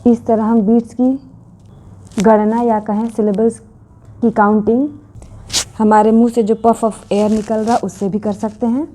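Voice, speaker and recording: A woman teaching an English lesson, explaining and slowly reading out definitions and repeating example words. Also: fairly high pitch, flat delivery, mellow, slight background noise.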